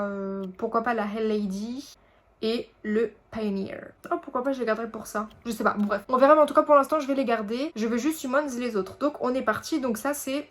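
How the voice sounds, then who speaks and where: A young woman chatting casually over mobile game summons, rambling with many fillers and self-corrections. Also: a little high. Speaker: gaming YouTuber. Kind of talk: casual gameplay commentary.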